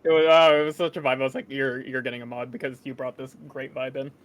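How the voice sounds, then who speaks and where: A man chatting casually on a livestream in an excitable, emphatic, sweary way. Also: medium pitch, fast talker, a loud crowd.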